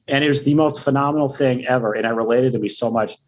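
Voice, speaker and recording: Husky, hyped-up man talking big. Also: mid-range voice, fast talker. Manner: energetic, profane, hype-driven. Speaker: podcast guest. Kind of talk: casual interview talk.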